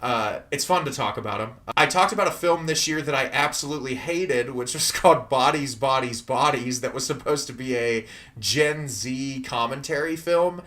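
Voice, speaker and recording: A man's voice: mid-range voice, moderate pace, a bit bright. Easygoing young man chatting films. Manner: easygoing, laughs often. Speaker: podcast co-host. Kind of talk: casual film chat.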